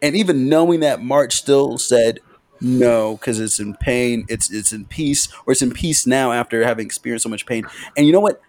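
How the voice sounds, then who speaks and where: A man co-hosting a podcast in casual chat, excitable and quick to swear as he talks. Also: mid-range voice. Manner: animated, excitable, swears freely. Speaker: podcast co-host.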